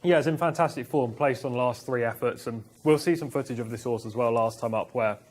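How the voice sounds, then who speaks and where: Fast-talking man breaking down race form. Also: medium pitch. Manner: quick, confident form analysis. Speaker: studio racing analyst. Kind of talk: live racing broadcast analysis. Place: TV studio.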